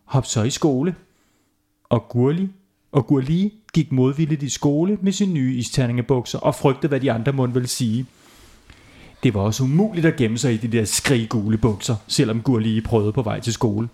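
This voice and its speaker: A man narrating a playful children's bedtime story, animated and laughing at his own jokes. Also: medium pitch.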